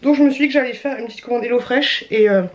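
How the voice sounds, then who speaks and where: A woman's voice: a little high, rapid-fire, a little hiss or hum. A young adult woman vlogging in a chatty, rambling way, full of slang and fillers. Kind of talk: casual chat.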